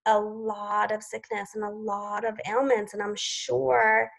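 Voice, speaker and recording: A woman's voice: medium pitch, little pitch movement, a little slow, vocal fry, low-quality recording. A woman in her forties leading a group video call, talking casually with lots of "like" and "you know" and laughing often. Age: 40s. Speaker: team leader hosting a group video call. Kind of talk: casual motivational chat.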